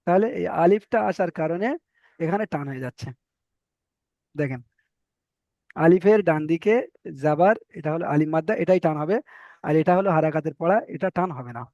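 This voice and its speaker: A man teaching Quran reading in an online class, patiently explaining and slowly drawing out letter sounds. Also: fairly high pitch, a little mellow, no echo, lo-fi sound. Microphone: online class call.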